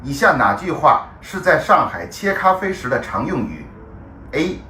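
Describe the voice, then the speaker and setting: A man presenting a comic dialect lesson like a formal language test, in a deliberate, mock-serious way. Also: fairly high pitch, very animated, bright, forceful tone, roomy sound, slight background noise.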